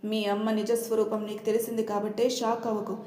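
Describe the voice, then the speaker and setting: A woman's voice: medium pitch, little pitch movement, fairly quick, mellow, natural voice. A woman voicing an angry, protective young man who scolds sternly. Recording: roomy reverberant room.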